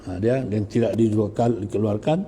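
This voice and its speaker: A man's voice: lowish voice, steady tone, fairly quick, mellow, in a large hall, slight background noise. A man teaching a religious lesson, reciting Arabic verses and explaining them in a Sabah Malay accent with rhetorical questions. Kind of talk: Islamic lecture explaining Quranic verses.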